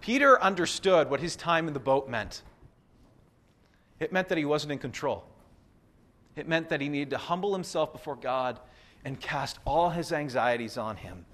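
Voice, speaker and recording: A man's voice: mid-range voice, a little slow, pauses often, fairly bright tone. A man preaching a sermon as pastor, earnest, repeating key phrases for emphasis.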